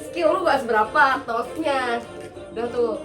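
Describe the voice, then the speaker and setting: A woman, casually telling a story on a podcast, animated and acting out the quotes. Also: high-pitched, normal speed, far from the mic. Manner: animated, acts out quotes, laughs often. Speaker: podcast host. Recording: roomy, off-mic, music behind.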